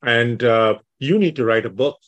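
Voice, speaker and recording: A male podcast host speaks in a mid-pitched voice, enthusiastic and effusive, often repeating his praise. The sound is dry and close, with no room around it. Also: normal speed, fairly bright tone, dry recording, dull audio. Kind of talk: casual podcast interview.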